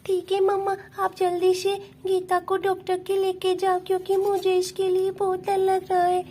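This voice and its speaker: A woman voicing a young girl doll, a caring sister, speaking softly and with worry in a doll play story. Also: very high voice, monotone, normal speed, a little hiss or hum. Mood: worried.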